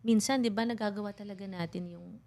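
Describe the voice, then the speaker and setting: A woman's voice: medium pitch, steady tone, fast talker, gravelly, dark tone. A woman in her thirties, a podcast guest, talking candidly and reflectively about family and loss, mixing Tagalog with English. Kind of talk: emotional casual chat.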